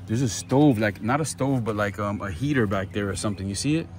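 Over music, a man with a fairly low voice talks briskly while hosting a travel vlog through a small town, chatting casually and reacting with amazement to the sights. Vehicle and ambient sounds make the outdoor recording noisy.

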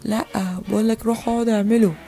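Strict Egyptian babysitter, curt and fast, woman voicing. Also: fairly high pitch, flat delivery, dark tone, close to an everyday voice. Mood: scolding. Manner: bossy, scolding. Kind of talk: toy play voice acting.

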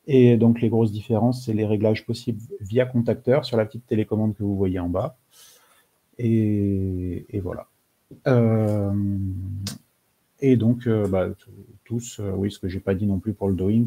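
A man presenting in an online webinar, pausing often with fillers and restarts as he explains. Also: fairly low pitch, fairly even intonation, dark tone. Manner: halting, many fillers and restarts. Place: webinar call.

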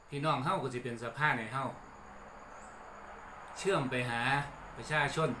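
A middle-aged man with an Isan accent, hosting a relaxed lesson on old regional words and chuckling between points. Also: medium pitch, moderate pace. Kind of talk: casual explanatory talk. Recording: echoey room with faint background noise.

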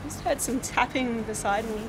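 A young woman with a fairly high voice chats casually while exploring a graveyard at night. She reads names off old headstones for her vlog. A steady hiss of outdoor noise sits under the recording. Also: normal speed. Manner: chatty, reading out names from headstones. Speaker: paranormal vlogger host.

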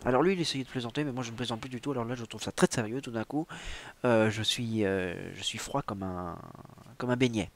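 Guy with a gravelly voice reading a book out loud, wanders off into jokey tangents. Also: medium pitch, fairly quick. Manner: digressive, teasing, repeats stock fillers. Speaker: reader and host. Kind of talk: reading a novel aloud with rambling asides.

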